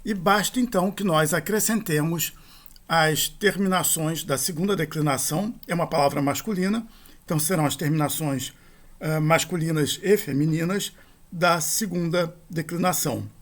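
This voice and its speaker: A man's voice: on the high side, moderate pace. A man, teaching a grammar lesson and spelling out endings and rules step by step.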